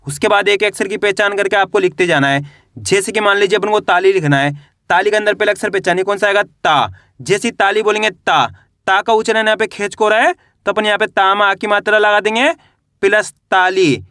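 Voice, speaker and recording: A man teaching a beginners' Hindi reading lesson, spelling words slowly syllable by syllable and asking the class to repeat. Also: high voice, pushed and bright, no room sound, clean studio sound. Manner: addresses viewers as friends.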